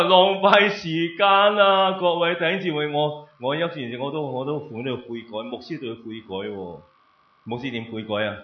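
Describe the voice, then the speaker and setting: Older male pastor, exclamatory preacher, asks and answers his own questions; echoey room. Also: mid-range voice. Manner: animated, exclamatory, fires rhetorical questions and answers them. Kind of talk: sermon. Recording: roomy, dull lo-fi recording.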